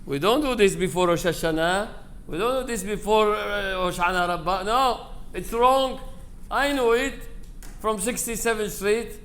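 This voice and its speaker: A rabbi from Aleppo, Syria gives an informal eulogy full of personal anecdotes, his higher-pitched male voice fairly bright at a moderate pace. He tells stories conversationally, acts out quoted dialogue, and speaks in broken English grammar. The live speech has clear background noise.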